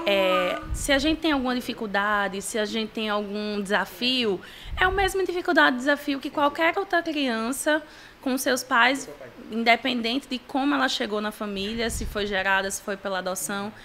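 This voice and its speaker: A woman's voice: on the high side, lively intonation, moderate pace, a bit bright. A woman with a Brazilian accent speaking as a parent in a personal testimonial interview. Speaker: adoptive parent. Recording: faint ambient noise.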